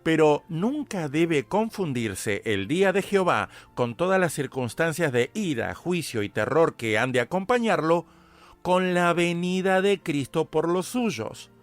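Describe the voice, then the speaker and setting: Man, radio Bible study, earnest scripture reading, fairly high voice, animated pitch, faint music underneath. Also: measured pace, dry recording. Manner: earnest, reads scripture aloud and addresses the listener directly.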